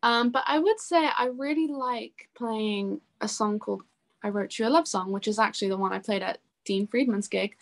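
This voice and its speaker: In a relaxed interview, a woman in her twenties who writes and sings her own songs talks effusively, laughing at herself and giggling often. Her voice sits mid-range and her pace is normal.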